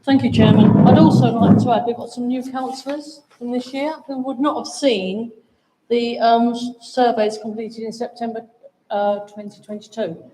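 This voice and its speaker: A woman councillor speaking at a council meeting, polite and slightly halting. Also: fairly high pitch, steady tone, background noise. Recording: echoey council chamber.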